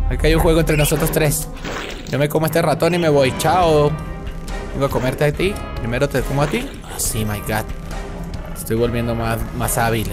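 Excitable male gamer commentating playfully. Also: fairly high pitch. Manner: excitable, chatters to game creatures as the hungry monster. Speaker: gaming channel host. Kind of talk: playful let's-play commentary. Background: game music.

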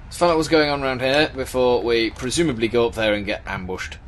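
A man commenting on a video game as he plays it. He gets excitable, swears often and puts on silly voices. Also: medium pitch, fast talker, slight background noise. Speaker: let's play host. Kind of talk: gameplay commentary. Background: game music.

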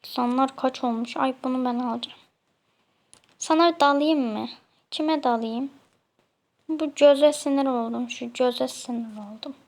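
Young Turkish woman, high and gravelly. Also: a little slow, long pauses. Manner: chatty, talks to other players, mock-annoyed. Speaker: gamer. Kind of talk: casual gameplay commentary.

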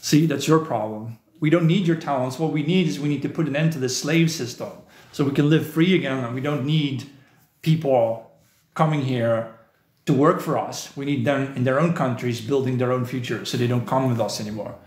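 A man's voice: medium pitch, moderate pace, a little mellow, roomy sound. A man from the southern Netherlands, hosting a live stream in a casual, rambling, opinionated way, often adding "you know". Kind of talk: casual live stream chat reading viewer comments.

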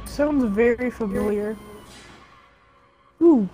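Woman playing a high, mellow, curious companion. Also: slow pace, faint music behind. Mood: blunt, curious. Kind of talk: improvised game role-play. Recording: clear background noise.

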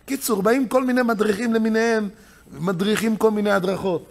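A man, a rabbi giving a weekly Torah lesson, telling stories with big swings between loud excited emphasis and low hushed asides. He acts out the voices of the people in his stories. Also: vocal fry. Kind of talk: animated storytelling lesson.

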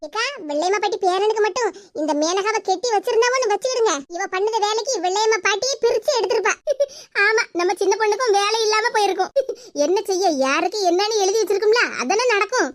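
A shrill, piping village gossip from a cartoon, with a Tirunelveli Tamil lilt. She mocks and teases in a sing-song way, and her voice sits very high. She is sharp-tongued and scheming. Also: fast talker. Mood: gossipy. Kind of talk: cartoon voice acting.

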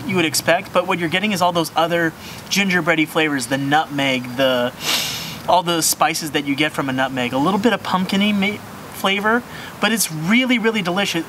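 A young man with a slightly high, bright voice hosts a casual beer tasting review on a sunny patio, enthusiastic and descriptive and often repeating words while searching for them. Faint outdoor sound and a little hiss or hum sit behind him.

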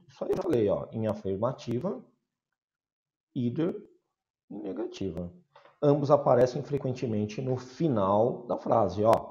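A man from Brazil teaching an English grammar lesson to his class, patiently repeating key words and checking in with his students after each point. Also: mellow. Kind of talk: online class explaining grammar. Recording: dull low-fidelity sound.

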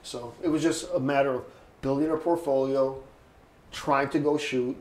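A man's voice: medium pitch, steady tone, normal speed, a little mellow. A man in his sixties telling stories in an oral history interview, rambling and acting out other people's voices. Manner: rambling storyteller, acts out quoted voices. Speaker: interviewee, photographer. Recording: echoey room, faint ambient noise.

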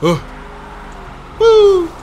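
Young male streamer, excitable swearing gameplay commentary, high gravelly voice, unhurried pace. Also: slight background noise. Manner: excitable, swearing, frequent laughter. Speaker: gaming streamer.

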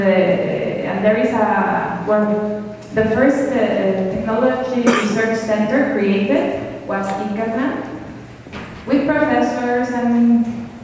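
A woman in her thirties giving a keynote talk and answering questions, speaking slowly and searching for words, with a handheld microphone in a large meeting room. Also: fairly high pitch, darkish tone, slight background noise. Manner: slow, hesitant, searching for words. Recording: echoey hall from far off.

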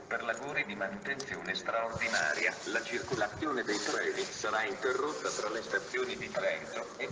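Guy doing train station announcement, formal automated phrasing, echoey platform speaker w noise behind. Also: fairly low pitch. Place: outdoor railway platform, heard over loudspeakers. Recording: echoey station loudspeaker from far off, noisy. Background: clear station ambient noise.

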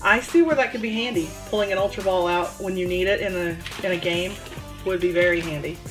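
A woman chatting casually as she opens trading card packs, excitable and quick to gasp at good pulls. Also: fairly low pitch, music in the background. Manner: excitable, gasps and squeals at pulls. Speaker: card-opening vlogger. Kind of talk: casual pack-opening chat.

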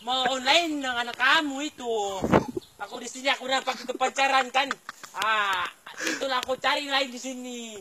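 A man's voice: very high-pitched, normal speed, very noisy. A man, up a tree outdoors, complaining and pleading on a phone call. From Filipino Suluk. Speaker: plantation worker on a phone call.

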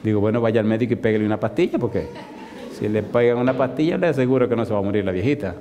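A man preaching in a church hall, telling a story and jumping into higher voices for the people he quotes. His tone is dark and mellow. A long reverb trails behind his words. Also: very fast, faint music behind. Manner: animated, acts out quoted voices with rising pitch. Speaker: pastor. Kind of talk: storytelling sermon.

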